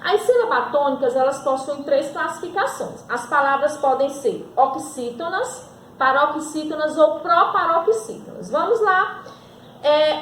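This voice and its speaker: A woman's voice: sits high, fairly bright tone, a little hiss or hum. A woman teacher with a Brazilian Portuguese accent giving a recorded grammar lesson, asking and answering her own questions and stretching out example words. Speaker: school teacher. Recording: echoey room.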